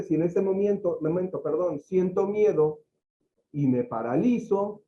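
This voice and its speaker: A man's voice: high voice, dull audio, slight background noise. A man giving a lecture to teachers, explaining ideas through everyday examples and acting out quoted speech. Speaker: facilitator of a teacher-training talk.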